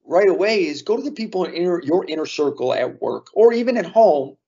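A man's voice: high voice, animated, fairly quick, dark tone, slightly rough, muffled recording. A man co-hosting a casual podcast, talking earnestly and drawing lessons from sports memories. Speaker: podcast co-host.

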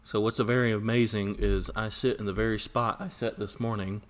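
In an echoey church sanctuary, a man co-hosts a podcast with casual chat. His voice sits on the low side, steady in tone, at a moderate pace.

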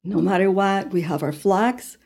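Her mid-range voice is creaky and darkish in tone, and she speaks a little slowly. She's a Puerto Rican woman in her 60s, an interview guest talking earnestly in conversation, with frequent fillers and light laughs.

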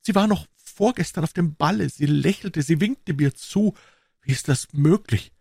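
A man's voice: on the high side, normal speed, vocal fry, a little mellow, husky, no room sound, clean studio sound, pitched above the performer's own voice. A man voicing a young, shy, grief-stricken male officer who pleads and stammers. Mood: despairing.

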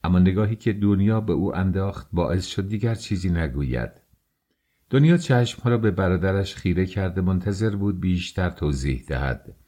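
A man reading a novel aloud as an audiobook narrator, measured and even. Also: sits low. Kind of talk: scripted narration.

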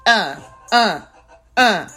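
A woman in her twenties hosting her own podcast in casual, playful chat that swings between loud bursts and low mumbles. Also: expressive, drawn-out words. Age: 20s. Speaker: podcast host. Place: home in Arizona. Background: music beat playing.

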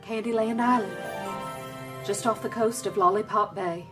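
An earnest young female FBI agent, played by a woman, speaking in a stiff, businesslike way. Her voice sits at an ordinary pitch, with soft film music faintly underneath. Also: fairly even intonation, normal speed, close to an everyday voice. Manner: stiff, formal, businesslike delivery. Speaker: film character in a clip.

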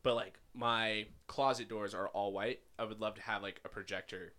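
Very bright-voiced young man, swearing freely. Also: fairly low pitch, normal speed. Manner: animated, profane, heavy on "like" fillers. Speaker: podcast co-host. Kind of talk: casual chat. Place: home bedroom. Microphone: large studio-style microphone.

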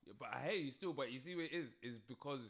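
A man's voice: mid-range voice, quick pace. A man with a London roadman accent, full of street slang, bantering and telling stories emphatically. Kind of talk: casual banter and storytelling.

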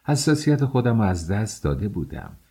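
A man's voice: fairly low pitch, big pitch swings, mellow, slightly rough. A man reading an audiobook aloud, narrating the story and voicing the dialogue with shifts in tone.

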